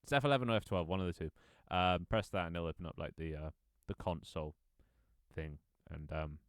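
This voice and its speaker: While streaming his own game, a man in his 20s chats loosely with viewers, reading their messages aloud and rambling with plenty of ums and restarts. He talks a little fast in a low, clear, resonant voice. The audio is dry and studio quality.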